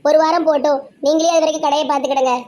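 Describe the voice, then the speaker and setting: Female voice artist, Tirunelveli accent, high pitch, chatty and teasing delivery for a cartoon. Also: steady tone, racing, warm tone. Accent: Tirunelveli Tamil. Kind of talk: animated village comedy dialogue.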